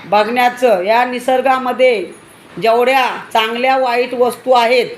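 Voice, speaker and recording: A woman preschool teacher with a Marathi accent teaching young children in class, asking question after question and urging them to answer louder. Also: fairly high pitch, fairly even intonation, a little slow.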